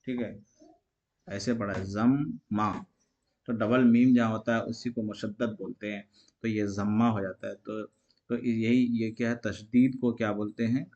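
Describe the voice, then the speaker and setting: A man's voice: fairly low pitch, fairly even intonation, normal speed, dark tone, muffled recording. A man teaching an exam-prep grammar lesson, asking each question aloud and answering it himself in a repetitive call-and-response way.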